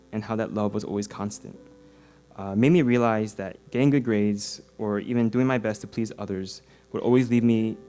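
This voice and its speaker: Here a twenty-something man from Singapore recounts his baptism in a prepared testimony before a church congregation. The voice is lowish and darkish in tone, and his sincere delivery is dotted with ums and uhs.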